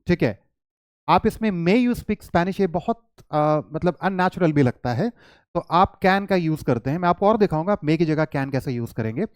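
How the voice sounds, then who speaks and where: A man teaching English grammar, explaining in Hindi and reading English example sentences slowly with stress. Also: on the high side, lively intonation, clean tone, no room sound.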